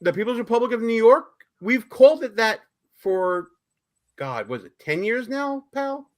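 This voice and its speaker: Brooklyn accent guy hosting a live politics show, chatty n salty, high voice that bounces around. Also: big pitch swings, normal speed. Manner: chatty, profane, informal. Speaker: talk show host.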